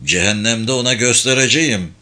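A man's voice: medium pitch, a little fast, bright, forceful tone. A man voicing a badly wounded, dying male sailor who speaks bitterly in an audiobook.

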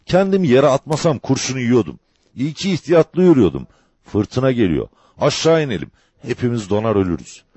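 A man voicing a big, fatherly gendarme sergeant who speaks in loud, commanding calls. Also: medium pitch, big pitch swings, a little fast, breathy edge, no echo, voice pushed up. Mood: blustering.

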